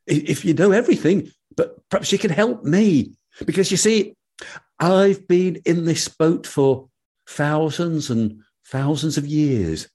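A man voicing a weary, wry ferryman in a told folk tale, with a husky voice. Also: sits high, darkish tone, pitched above the performer's own voice, exaggerated voice. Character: weary ancient ferryman stuck at his oar.

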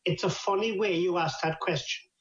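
An older man with an Irish accent, a traditional storyteller with a lilting, unhurried delivery and dry wit. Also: high-pitched, fairly even intonation. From Ireland. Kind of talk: storytelling in conversation. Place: at home, over a video call. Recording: echoey, dull video-call audio.

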